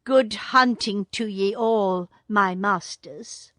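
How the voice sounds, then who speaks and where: A woman's voice: mid-range voice, slow pace, fairly bright tone, no room sound. A woman voicing Mowgli, an earnest young boy raised by wolves, speaking in an eager, raised voice.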